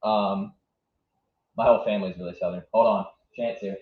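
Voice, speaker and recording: A young man from southwest Virginia in the United States hosts a livestream, reacting to a match in real time and rambling casually as he thinks aloud and answers chat. His voice is lowish and steady at a normal speed. The room sound is dull and echoey.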